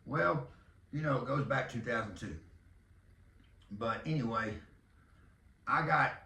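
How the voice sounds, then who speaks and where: Slow-paced and forceful, his medium-pitched voice carries vocal fry and a bright edge. The speaker is a Texan in his fifties hosting a podcast, loosely rambling, cracking jokes and sometimes hollering, with a distant mic in a room full of echo.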